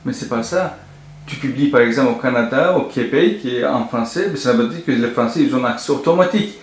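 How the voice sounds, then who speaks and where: A man's voice: mid-range voice, brisk. A man interviewing a poet, asking his questions hesitantly and often restarting them. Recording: roomy echo.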